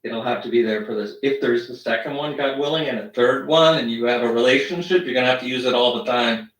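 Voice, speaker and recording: A man's voice: mid-range voice, fast, fairly bright tone, recorded from a distance. A man hosting a casual podcast, teasing his co-host in a dry way. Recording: echoey, set back from the mic.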